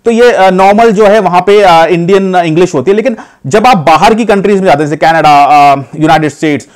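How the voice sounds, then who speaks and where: A man from India gives advice in an easygoing vlog, talking straight to camera in a noticeably high voice at a fairly quick pace. He rambles a bit, circles back with fillers and restarts, and keeps addressing viewers as "guys."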